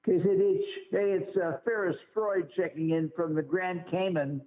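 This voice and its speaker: Jokey high-voiced male caller, cave echo over a tinny phone line. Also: moderate pace. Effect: hollow cave-like echo on the call. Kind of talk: call-in talk radio.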